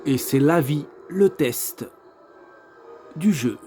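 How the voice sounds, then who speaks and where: A man's voice: a little high, expressive, slow, over music. A man giving casual gameplay commentary as a game reviewer, thinking aloud and hesitant, with many fillers. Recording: clear background noise.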